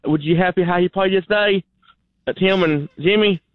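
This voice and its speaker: A man's voice: high-pitched, normal speed, no echo. A male radio show caller, heard over a phone line, who halts and repeats his words often. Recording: tinny dry phone line.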